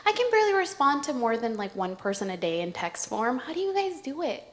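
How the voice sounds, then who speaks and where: A woman's voice: high-pitched, big pitch swings, a little fast, very noisy. A woman in the audience asking a question at a live podcast, talking in a bubbly, rambling way.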